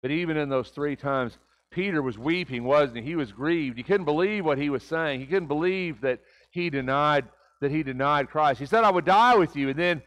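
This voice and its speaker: A man's voice: on the high side, normal speed, a bit bright. Older man preaching with rhetorical questions. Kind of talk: sermon. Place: church sanctuary.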